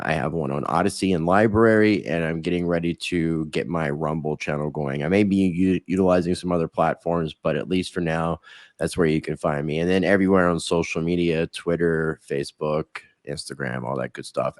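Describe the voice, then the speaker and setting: Deep-voiced sarcastic man, dry sound. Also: normal speed, no echo. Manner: sarcastic, joking. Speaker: guest, online video creator. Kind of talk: casual conversation.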